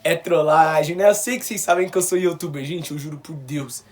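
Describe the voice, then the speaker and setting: A young Brazilian man with a somewhat high voice, telling a personal story to his viewers. He speaks in casual slang and jumps into the voices of the people in his story. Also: brisk. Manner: animated, slangy, acts out quoted dialogue. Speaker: YouTuber.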